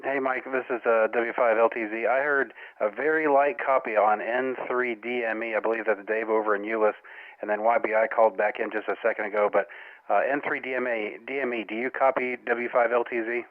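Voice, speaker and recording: A tinny, crackly walkie-talkie signal carries a man's voice with very even intonation. He relays messages as a radio operator in casual, procedural phrases. The sound is narrow and dry. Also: mid-range voice, fairly quick, no echo. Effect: crackly walkie-talkie style radio transmission.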